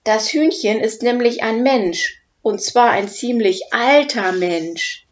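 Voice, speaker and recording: A woman's voice: on the high side, slow pace, dull audio, voice pushed up. A woman doing a cheeky little dragon boy. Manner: hissing and whispering at times, cheeky. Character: small clever young dragon boy, cheeky.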